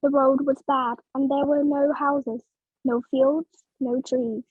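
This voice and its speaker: High-voiced woman reading a storybook. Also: little pitch movement, dry recording, narrow, tinny audio. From Vietnam. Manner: slow, clear, simple storytelling. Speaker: narrator. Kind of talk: storybook read-aloud for English learners.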